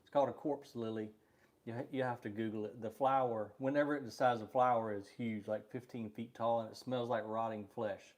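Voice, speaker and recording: A man's voice: medium pitch, fairly even intonation, a little fast. A middle-aged man co-hosting a live stream, chatting casually and rambling with easy laughter. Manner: easygoing, rambling, laughs often.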